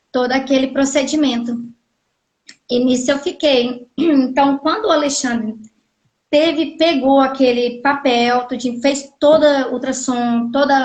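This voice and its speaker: Woman from Goiás, middle-aged, high-pitched, animated storyteller, roomy live-stream sound. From Goiás, Brazil. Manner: animated, acts out quoted dialogue. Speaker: guest telling her story. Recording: echoey room audio from a live stream.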